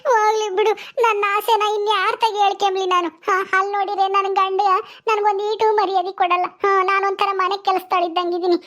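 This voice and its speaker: A woman's voice: very high voice, level tone, a bit bright. A woman playing a tearful young village wife who pleads and pities herself, speaking. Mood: pleading. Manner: tearful, pleading, with many drawn-out "hmm"s.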